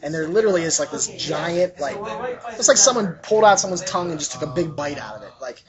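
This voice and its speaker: A man working as game master, improvising narration for a tabletop game in a casual, halting way as he searches for words. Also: fairly high pitch, animated. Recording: dull lo-fi sound, chatter behind.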